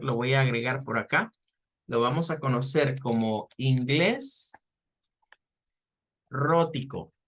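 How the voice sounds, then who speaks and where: A man's voice: on the high side, fairly bright tone. Man teaching English pronunciation patiently. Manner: patient, explanatory, repeats words slowly to model pronunciation. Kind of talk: online class lecture.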